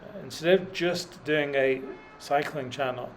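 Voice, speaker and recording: Faint music plays behind a middle-aged man as he cycles up a mountain road, delivering dry, self-deprecating, filler-heavy commentary for his vlog. His voice is fairly high, and his pace is measured.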